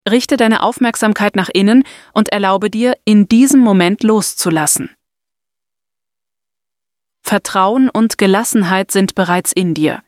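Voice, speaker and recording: A woman narrating a scripted guided meditation and affirmations in a soft, soothing, deliberate manner. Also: medium pitch, no room sound, studio quality.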